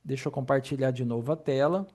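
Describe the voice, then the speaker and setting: A man's voice: medium pitch, quick pace, a little mellow. A man teaching Mandarin pronunciation in an online lesson, patiently explaining and repeating each sound.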